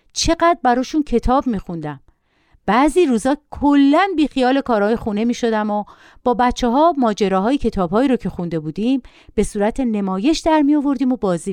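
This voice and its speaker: A middle-aged woman reading a first-person story aloud with vivid, animated storytelling. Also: a little high, smooth, no echo.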